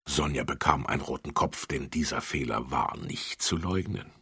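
A man's voice: rumbling low, animated, normal speed, vocal fry, bright, forceful tone, slightly rough, no echo. A man narrating a children's story in a storytelling manner.

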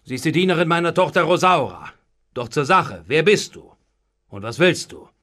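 A man voicing a blunt, impatient middle-aged father who speaks loudly and curtly. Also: high voice, sing-song, moderate pace, creaky, pitched above the performer's own voice, full character voice. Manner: loud, curt.

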